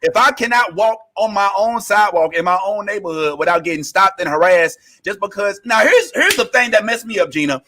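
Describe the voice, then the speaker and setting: A man co-hosting a casual reaction podcast, riffing in an animated, preachy way. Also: sits high. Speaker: podcast co-host.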